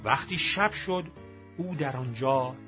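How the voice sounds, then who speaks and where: A man reading scripture aloud as scripted narration, in a measured and expressive storytelling manner. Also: mid-range voice. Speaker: scripture reader. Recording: slightly muffled with faint music.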